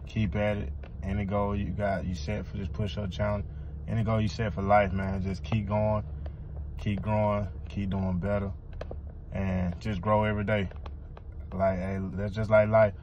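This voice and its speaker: Low gravelly man, flat delivery. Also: normal speed. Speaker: fitness challenge vlogger. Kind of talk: casual motivational vlog talk. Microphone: phone at arm's length. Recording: dull phone audio with background noise.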